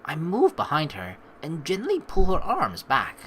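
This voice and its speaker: A woman with a low, slightly bright voice speaks a little slowly, her pitch swinging hugely, over a faint hiss or hum. As a let's player, she reads story text from a visual novel aloud and adds playful, teasing commentary.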